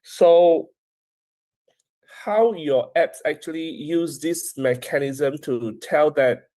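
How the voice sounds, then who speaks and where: Male judge on a choppy video call, his audio glitching in and out, halting and hesitant. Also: a little high, dark tone, rough recording. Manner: halting, many fillers and restarts. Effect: glitching, breaking-up audio.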